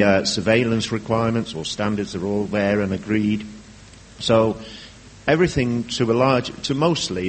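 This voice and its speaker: A man with a lowish voice gives a firm, emphatic answer as an expert on a conference panel. His voice rings with a long hall reverb, and a faint hiss sits under the recording. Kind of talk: answering a question at a panel discussion.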